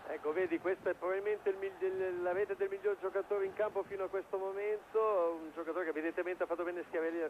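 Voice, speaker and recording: A man's voice: high-pitched, little pitch movement, quick pace, few pauses. A man analysing play as a football co-commentator, hesitating and repeating phrases. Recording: dull lo-fi broadcast, faint stadium noise. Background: stadium crowd noise.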